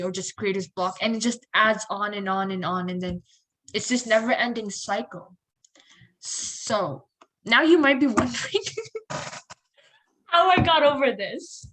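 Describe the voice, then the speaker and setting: A woman's voice: medium pitch, measured pace, a bit bright, rough recording. A young woman chatting on a podcast as a guest, casual and playful with dry sarcastic humor.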